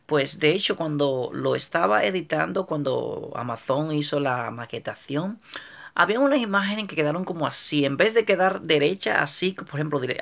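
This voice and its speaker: Man, motivational host, raspy gravelly tone, fairly high pitch, animated, repetitive. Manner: animated, repeats phrases for emphasis. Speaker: motivational video host, author. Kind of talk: casual motivational monologue.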